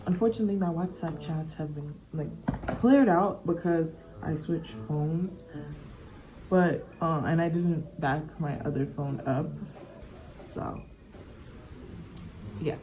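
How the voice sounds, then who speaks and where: A woman's voice: low-pitched, slow pace, pauses often. A young woman vlogger telling a casual storytime, chatty and full of fillers and restarts. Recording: faint background noise.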